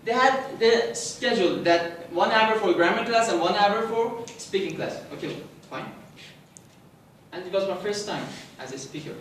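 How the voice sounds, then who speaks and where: A young man in his 20s from Pakistan speaks at a moderate pace with lively intonation, his high voice fairly bright, giving a prepared personal speech at a club. He engages the audience with questions and restarts some phrases. The sound comes through a distant mic in a very echoey meeting room, with slight background noise.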